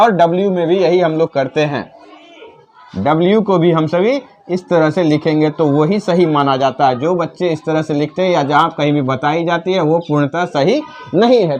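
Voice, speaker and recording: A man teaching the alphabet to children in a slow, repetitive classroom manner, asking questions and repeating each sound. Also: fairly high pitch, a little mellow. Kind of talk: classroom-style alphabet lesson.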